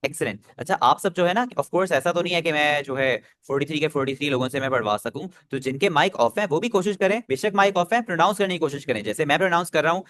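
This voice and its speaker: A man's voice: a little high, lively intonation, fast talker, hardly any pauses, fairly bright tone, dry recording. A man teaching an online Japanese class, patiently drilling pronunciation over a video call.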